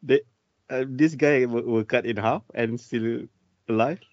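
A man co-hosting a casual podcast, talking in halting bursts, repeating himself and laughing often. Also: medium pitch, darkish tone, dry recording. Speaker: podcast co-host. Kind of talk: casual chat. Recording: dry, dull lo-fi sound.

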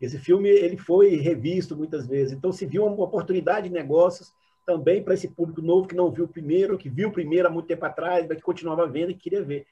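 Heard through dull video-call sound, a Brazilian man comments spontaneously as an academic panelist, halting and repeating himself as he searches for words. His pitch is fairly high and his tone dark and slightly breathy.

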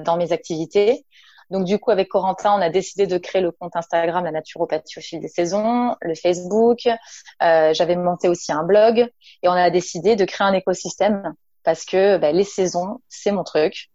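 Her lowish, mellow voice comes through a muffled recording with no room sound. This naturopath and entrepreneur from Nice talks chattily in an interview, full of hesitations and fillers, addressing the listener in a familiar way.

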